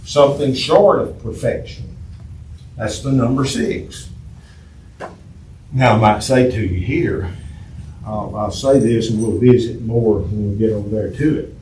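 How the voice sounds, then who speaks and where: A man's voice: lowish voice, expressive, a little slow, long pauses, a little mellow. Guy teaching bible class, sounds far from the mic, roomy echo, lots of restarts. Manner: conversational, repeats words and restarts, asks the class questions. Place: church classroom. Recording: echoey room from far off, faint noise.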